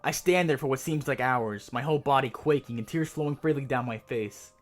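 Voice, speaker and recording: A man performs a haunted narrator telling a creepypasta in the first person. The delivery is measured and suspenseful, drawing out the frightening descriptions. His medium-pitched voice sits over a clear music bed. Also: natural voice. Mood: horrified. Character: haunted, increasingly terrified narrator of a horror tale.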